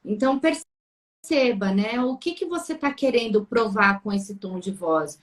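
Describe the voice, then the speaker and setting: A woman's voice: a little high, measured pace. A woman, a therapist co-hosting a live Q&A, who talks things through with a string of probing, reflective questions. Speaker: therapist co-host. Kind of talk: live Q&A chat.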